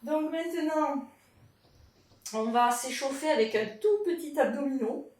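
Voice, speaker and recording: Pilates teacher, woman, higher voice, chatty and encouraging, echoey room, heard from a distance. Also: measured pace, darkish tone. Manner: chatty and encouraging, tags lines with "hein". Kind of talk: guided exercise class. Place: at home. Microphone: camera in front of her.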